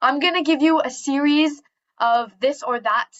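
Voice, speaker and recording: A woman's voice: sits high, normal speed, a bit bright. A woman giving a chatty, joking presentation over a video call, with an upbeat, self-deprecating manner. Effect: heard over a video call. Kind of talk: casual presentation with jokes. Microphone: computer mic on a video call. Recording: muffled video-call audio.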